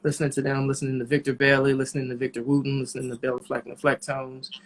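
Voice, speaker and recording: A jazz trumpeter in his thirties is a guest in a casual interview, speaking with a medium-pitched voice. He's relaxed and reflective, pausing often, and there's a little hiss or hum on the recording.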